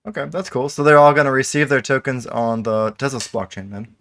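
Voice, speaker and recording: A man hosting an interview, asking relaxed, easygoing questions. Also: medium pitch, a little fast. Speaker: interview host.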